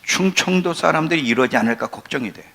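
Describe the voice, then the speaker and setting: A man in his sixties preaching a sermon as pastor, emphatic, swinging from near-shouts down to low, quiet asides. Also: lively intonation, quick pace, vocal fry. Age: 60s.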